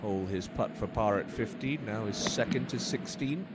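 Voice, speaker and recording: Male golf commentator, low voice, measured live play-by-play, loud background noise. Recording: loud ambient noise throughout.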